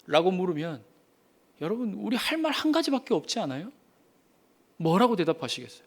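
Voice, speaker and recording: A man's voice: high-pitched, big pitch swings, fairly quick, breathy edge. A male pastor giving an emphatic sermon, telling a story and speaking straight to his congregation.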